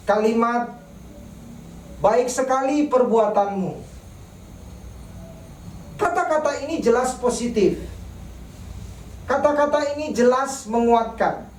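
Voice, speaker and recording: A woman preaching a sermon in church, speaking slowly and deliberately and asking rhetorical questions of the congregation. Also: mid-range voice, darkish tone, slight background noise. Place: church service broadcast online. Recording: echoey church room, mic at a distance.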